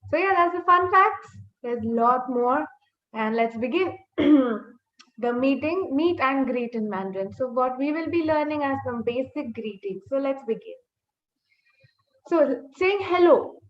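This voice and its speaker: A woman's voice: high voice, animated, measured pace. A woman teaching a beginners' online language class, explaining step by step and drawing out sample syllables to demonstrate. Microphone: computer mic on a video call. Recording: dull, echoey webinar audio.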